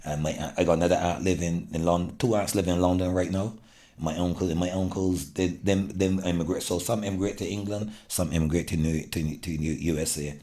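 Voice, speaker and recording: A middle-aged man with a Barbadian accent talks in a very deep voice. He is earnest and sincere, often stopping and restarting mid-sentence as he gathers his thoughts. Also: steady tone, dark tone. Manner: earnest, halting, many restarts. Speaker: guest. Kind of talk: casual interview.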